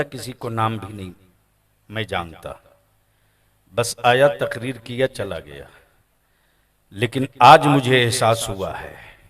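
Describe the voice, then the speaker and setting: A man preaching a fiery religious sermon to a gathering, booming and drawn out, urging the crowd to call back. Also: a bit bright.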